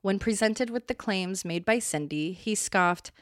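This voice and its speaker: A woman's voice: medium pitch, measured pace, no room sound, clean studio sound. A woman hosting a true crime podcast, reading a scripted account and breaking in with blunt, opinionated asides.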